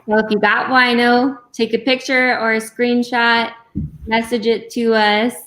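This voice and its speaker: A woman's voice: on the high side, level tone, a little slow, a bit bright. A woman co-hosting a live online bingo event, chatting casually with players and her partner.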